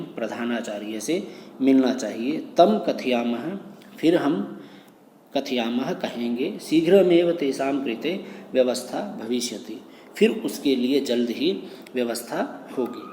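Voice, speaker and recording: A man's voice: mid-range voice, expressive, measured pace, dark tone. A man teaching a lesson, reading phrase by phrase, translating each one and patiently drilling words. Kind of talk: explaining a lesson line by line. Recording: roomy with long reverb, faint noise.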